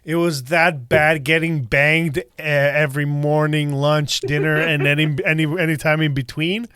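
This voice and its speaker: A man's voice: on the high side, level tone, moderate pace, fairly bright tone, smooth, no echo, clean studio sound. A man co-hosting a podcast, chatting crudely and teasing his guests, laughing often. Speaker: podcast co-host. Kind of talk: crude casual chat.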